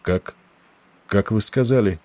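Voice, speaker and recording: Male reader as ailing older captain: low, dark, gruff, commanding and weary. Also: slow pace, dry recording. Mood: stern.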